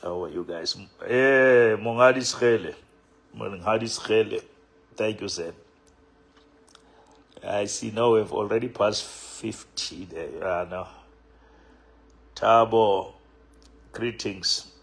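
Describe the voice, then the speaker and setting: A man with a Sotho accent speaks at a very slow pace in a fairly low voice. He talks casually, as a church leader on a livestream, repeating phrases as he greets people. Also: gravelly. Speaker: bishop, live stream host.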